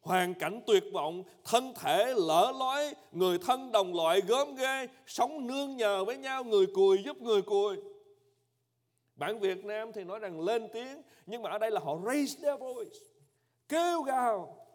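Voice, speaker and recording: A man preaching a sermon as pastor in a church, emphatic and swinging between loud cries and hushed low phrases. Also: lively intonation, a little slow, in a large hall.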